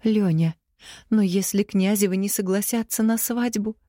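A woman's voice: a little high, a little slow, a little mellow, no echo, clean studio sound, pitched above the performer's own voice. A woman voicing a timid, anxious middle-aged mother in an audiobook, speaking in a pleading way.

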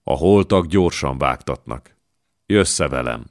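A man voicing a hushed ghostly mourning angel. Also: extremely low pitch, animated, no echo, clean studio sound. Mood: hushed, solemn. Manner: hushed, solemn.

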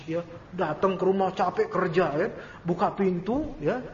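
A high-voiced man teaches a relaxed religious study class, chatting easily with his listeners. The recording is dull and lo-fi, with a faint hiss. His voice echoes around a roomy space. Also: moderate pace. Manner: conversational, lively, acts out quoted dialogue. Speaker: Islamic teacher. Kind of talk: casual religious study lecture.

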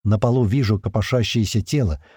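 Gruff man narrating an action story. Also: fairly low pitch, fairly quick, no room sound, clean studio sound. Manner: rough slang-filled storytelling, bursts into loud shouted lines. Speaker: audiobook narrator. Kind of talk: first-person audiobook narration with acted shouts.

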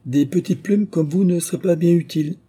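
Brief: man as a tranquil, teasing prince in an audiobook, dark and husky. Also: on the high side, fairly quick, voice pushed up. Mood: wry. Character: calm, wry aristocratic father.

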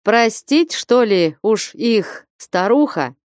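Woman doing a shouty old peasant dad from a storybook, slow heavy yelling, dry sound. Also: fairly low pitch, sing-song, no echo. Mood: gruff kindly. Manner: shouting, thundering. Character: stern old peasant father, hot-tempered yet soft-hearted.

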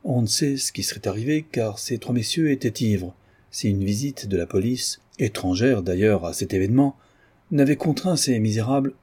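Solemn older general in a storybook, warm low husky voice, as a male reader does him. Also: lively intonation, normal speed. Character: grave older general telling a scandal.

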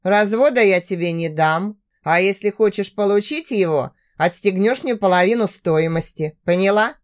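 A woman's voice: medium pitch, normal speed, natural voice. A woman voicing a cruel, abusive young husband who sneers and growls threats in a storybook reading. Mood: menacing.

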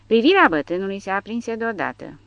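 A woman narrating an audiobook with a steady, dramatic reading. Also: medium pitch, dry recording. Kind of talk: scripted narration. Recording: dry, dull lo-fi recording.

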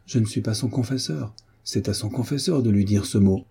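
A fretful older village priest in a storybook, as a man reads his part, cautious and evasive. His low voice is very dark and husky. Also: a little fast, heavily acted.

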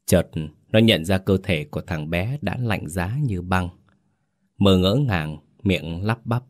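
A man hosting a channel and narrating a ghost story at a steady, measured storytelling pace. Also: low voice, no room sound, studio quality. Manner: steady, measured storytelling with a polite host's greeting.

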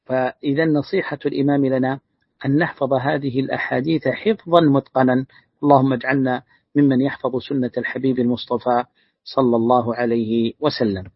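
Male sheikh, quick husky delivery, reads a text aloud and glosses it, dull dry lo-fi recording. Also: on the high side, dry recording. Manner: reads a classical text aloud, then adds brief plain remarks. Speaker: sheikh teaching hadith. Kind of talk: religious lesson reading and explaining a text.

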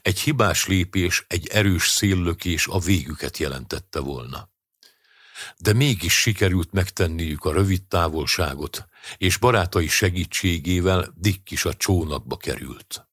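A man narrating an audiobook story in a measured, even way. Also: sits low, husky, no room sound, clean studio sound.

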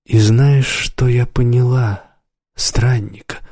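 Svetlana, a man voicing a tipsy husky actress. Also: steady tone, slow pace, dark tone, no echo, studio quality. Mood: wistful, tipsy. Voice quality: low husky laugh, breathy hot whisper. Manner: dramatic, insistent, wistful. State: drunk. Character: tipsy former stage actress, woman, theatrical.

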